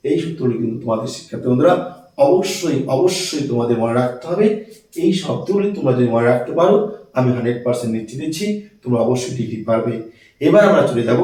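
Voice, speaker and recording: A male teacher giving a grammar lesson with a mellow, dark voice, repeating each key word and firing quick questions at his pupils. He stands away from the microphone in a very echoey classroom. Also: medium pitch, expressive, recorded from a distance. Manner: repeats key words and quizzes students. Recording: echoey room, off-mic.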